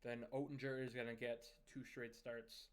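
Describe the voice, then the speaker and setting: Commentating on a hockey management game, this young man runs through scores and roster moves in a calm, chatty manner. He has a medium-pitched, clear, resonant voice and keeps a moderate pace.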